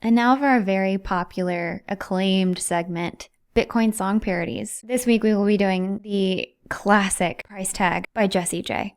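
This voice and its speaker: A woman's voice: medium pitch, steady tone. A woman co-hosting a podcast, chatting casually in a bubbly, playful way and joking with her co-host. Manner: bubbly, playful, quick to joke.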